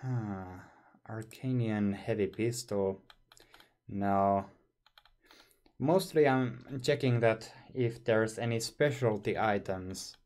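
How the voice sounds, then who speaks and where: The voice is low-ish and a little mellow, unhurried as the young Finn thinks aloud over his gameplay. He chats casually with stream viewers in a Finnish accent from a small room.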